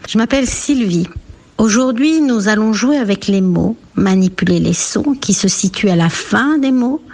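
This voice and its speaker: A preschool teacher leads a radio lesson for young children, speaking slowly and gently in a lilting voice. She uses big leaps in pitch to encourage them.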